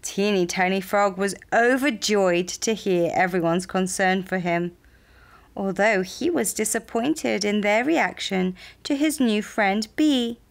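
Slow gentle woman storyteller. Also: medium pitch, vocal fry. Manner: soft, gentle, deliberate. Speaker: storyteller and puppeteer. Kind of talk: slow children's story narration.

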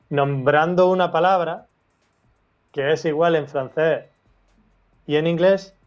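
A man guest in a casual interview, telling a story with lively quoted dialogue and laughter. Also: fairly high pitch, smooth, lo-fi sound.

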